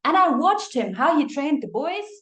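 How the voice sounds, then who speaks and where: Woman advisor, fairly high voice, lively anecdotal delivery, roomy echo. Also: moderate pace. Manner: expressive storyteller, acts out quotes, laughs. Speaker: migration advisor. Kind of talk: animated advice talk with anecdotes. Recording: echoey room.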